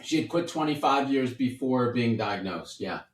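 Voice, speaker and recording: A man's voice: mid-range voice, animated, normal speed, recorded from a distance. A man in his fifties from New York City, a doctor hosting a casual podcast, chatty and playful, rambling with restarts. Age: 50s. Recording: roomy sound, set back from the mic.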